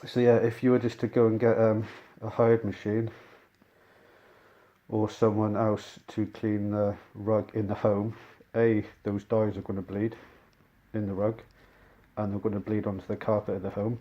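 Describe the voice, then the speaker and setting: A man showing off his rug cleaning work chats casually, muffled by the dust mask over his mouth. He speaks at normal speed in a lowish voice with little pitch movement, with clear background noise behind him.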